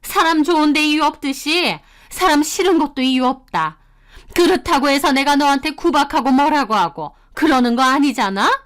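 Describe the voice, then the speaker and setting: A woman voicing a cold, older mother-in-law who scolds with indignant, sharp retorts. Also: high voice, a little slow, voice pushed up. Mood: scolding.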